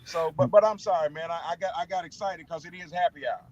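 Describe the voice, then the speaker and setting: A man, an animated guest telling stories in casual chat, stammering and restarting, from a parked car. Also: fairly high pitch, fast talker. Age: 50s. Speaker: musician guest. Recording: dull lo-fi sound.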